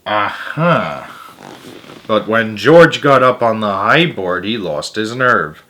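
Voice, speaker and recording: A man with a fairly low voice reads a story aloud slowly and expressively. He hits the character lines with emphasis and mutters asides of his own along the way.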